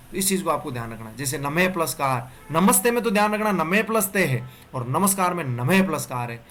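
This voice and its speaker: A man delivers a Hindi grammar lecture for exam prep, explaining step by step and often checking in with the class through repeated "dekho" and "theek hai". His voice is slightly high and a bit bright, with slight background noise.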